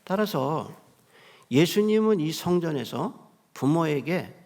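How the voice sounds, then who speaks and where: A man's voice: fairly high pitch, slow. A man, a pastor, preaching an expository sermon, asking and answering his own questions and rising to emphatic peaks. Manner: animated, rising to emphatic peaks and dropping to soft quoted lines.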